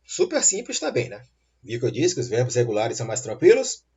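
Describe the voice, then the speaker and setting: A man's voice: medium pitch, wildly swooping pitch, a little mellow, breathy edge. A man teaching English grammar in a lesson, explaining patiently and checking that students follow. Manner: slow, patient explaining with rising checks like "tá bom?". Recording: dull lo-fi recording.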